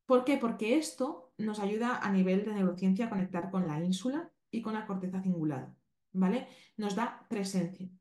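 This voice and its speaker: In a warm, mid-range voice at a normal speed, this woman teaches animal communication on a podcast. She has a Spanish accent from Spain, explains things carefully, and checks in with listeners often, all heard through a roomy echo.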